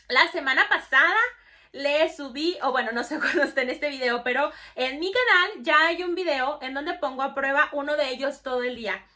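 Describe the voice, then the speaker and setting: A woman's voice: sits high, bright, forceful tone. A young woman with a Mexican Spanish accent chatting casually to camera about lipsticks, bubbly and full of fillers. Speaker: beauty vlogger. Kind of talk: casual makeup review to camera.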